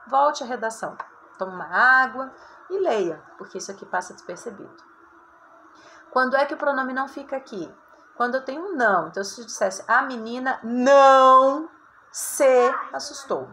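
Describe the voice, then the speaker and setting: A Brazilian woman teacher giving a recorded writing lesson, talking straight to her students in a chatty, lively way. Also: a little high, a little fast, slight background noise. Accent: Brazilian Portuguese. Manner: chatty, addresses students directly, lots of "tá?" and "ó".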